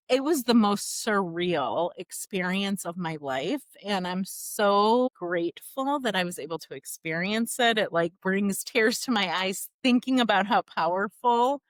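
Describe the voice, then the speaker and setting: A woman guest on a podcast, telling a personal story in a chatty, animated way, full of "like" and "you know". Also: lowish voice, dry recording. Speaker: podcast guest, doula business founder.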